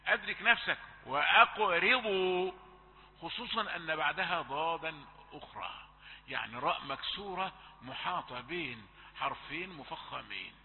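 A man teaching Quran recitation rules, slowly drawing out letters and correcting mistakes. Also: a little high. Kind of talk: tajweed lesson with recited examples. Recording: tinny phone-like audio with long reverb.

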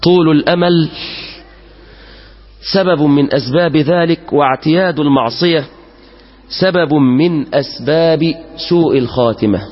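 A man's voice: mid-range voice, highs cut off. A man with an Egyptian Arabic accent preaching a Friday sermon, moving between classical Arabic and casual asides with rhetorical questions.

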